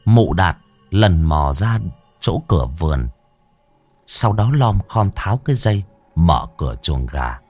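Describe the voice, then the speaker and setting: A man narrating a village horror story in a dramatic, expressive storytelling manner. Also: sits low, a little slow, no echo, soft background music.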